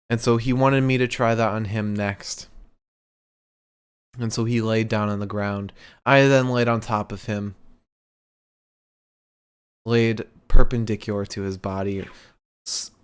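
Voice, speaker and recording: A man's voice: lowish voice, clean tone. A man on a podcast reading comedic fan fiction aloud, breaking into laughter as he goes. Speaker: podcast co-host.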